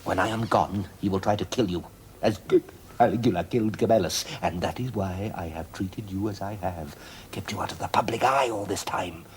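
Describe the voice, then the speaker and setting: A man playing an aging Roman emperor, deep and halting. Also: slight background noise, lightly acted. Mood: urgent. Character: aging Roman emperor, stammering, earnest father. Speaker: actor in a television period drama. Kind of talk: 1970s television drama acting.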